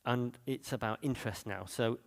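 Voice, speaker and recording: A conference speaker from Manchester delivers a chatty talk on game marketing in a Mancunian accent, full of fillers and restarts. His gravelly voice is medium in pitch and moderate in pace, and the hall adds long reverb.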